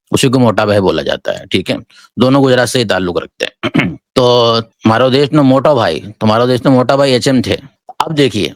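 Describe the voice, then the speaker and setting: A man's voice: on the high side, no echo. Dry, sarcastic cleric man. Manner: sarcastic, mocking preachy tone. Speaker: Islamic cleric and online commentator. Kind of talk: reaction commentary.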